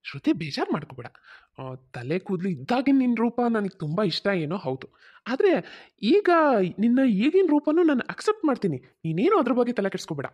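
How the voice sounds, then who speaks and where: A woman's voice: a little high, very animated, brisk, slightly rough, highs cut off. Woman voicing a teasing, consoling young husband. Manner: soothing, gently teasing. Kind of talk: cartoon voice acting.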